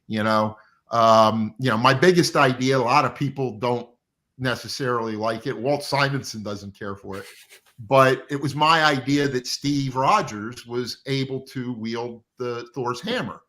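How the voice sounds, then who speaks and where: A middle-aged or older man, a comic book artist, is a guest on a casual interview, rambling through anecdotes about his working life. His mid-range voice is unhurried, with a pushed, bright quality. The talk is relaxed reminiscing.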